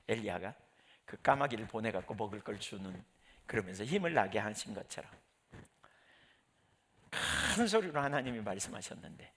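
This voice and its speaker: A man's voice: lowish voice, a bit bright. A middle-aged male pastor giving a conversational sermon, telling personal stories and acting out his own prayers.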